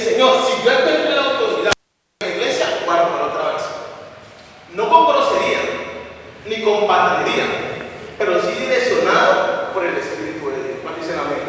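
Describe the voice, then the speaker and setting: High, bright-voiced preacher in echoey hall. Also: male voice, far from the mic, a little hiss or hum. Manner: emphatic, quizzes the congregation with call-and-response questions. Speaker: pastor. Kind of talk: sermon. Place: church hall with congregation.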